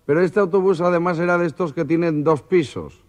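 A man's voice: a little high, brisk. A man with a Spanish accent telling jokes on an old cassette recording, acting out characters with nasal comic voices. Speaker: comedian. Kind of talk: stand-up joke telling.

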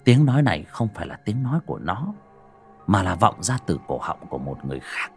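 A man's voice: low-pitched, very animated, brisk, vocal fry, husky, faint music behind. A man narrating a horror story in a dramatic storytelling manner.

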